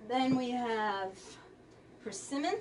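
A woman's voice: a little high, takes it slowly, darkish tone, far from the mic, a little hiss or hum. A woman hosting a live fabric sale, chatting casually as she reads out color names. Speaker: quilt shop host.

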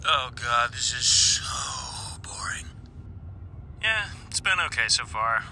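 A man plays an eager, chatty young rookie soldier in a sci-fi comedy film. His voice is very bright and forward, and he rambles casually and awkwardly over clear background ambience. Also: medium pitch, big pitch swings, takes it slowly, slight background noise, exaggerated voice. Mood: bored chatty. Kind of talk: short comedy film dialogue.

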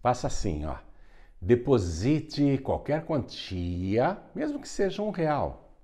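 A Brazilian pastor telling a children's story and addressing viewers directly, coaxing and animated. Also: male voice, mid-range voice, takes it slowly. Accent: Brazilian Portuguese. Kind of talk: storytelling and appeal for donations.

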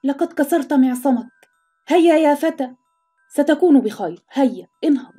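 A woman voicing a brisk, commanding female flying teacher in a storybook reading. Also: high voice, animated, mellow, faint music behind, voice pushed up. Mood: urgent, coaxing.

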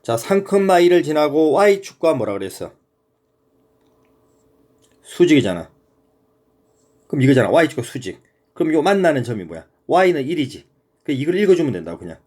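A male math teacher explaining graphs in an easygoing, chatty manner. His voice sits a little high for a man and swings widely in pitch as he checks in with the student. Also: sing-song, moderate pace, long pauses, a little mellow. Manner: casual, keeps checking in with the student. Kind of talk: informal math lesson.

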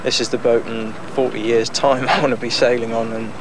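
A young man speaking casually in an interview outdoors on a boat deck, relaxed and chatty, with frequent fillers and laughs. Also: medium pitch, fairly quick. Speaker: amateur boat builder. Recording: noisy outdoor 1990s news tape.

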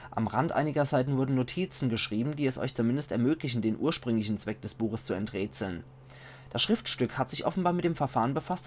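A man with a Palatinate German accent, reading a game's book texts aloud in a measured voice and adding casual asides. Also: mid-range voice, darkish tone. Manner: measured reading voice, slows for foreign titles. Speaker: let's play commentator.

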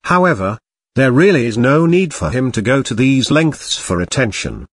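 A man voicing a deadpan robot cat newscaster. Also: medium pitch, moderate pace, breathy edge, dry recording, clean studio sound. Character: male robot cat news presenter, smug. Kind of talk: scripted comedy news commentary.

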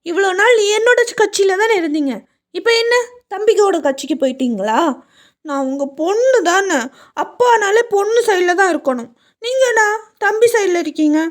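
A woman voicing a playful young woman who teases her younger brother, talking in a high, whiny way. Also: expressive, moderate pace. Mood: sulky. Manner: whiny and teasing, high pitched. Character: young woman, playful teasing older sister.

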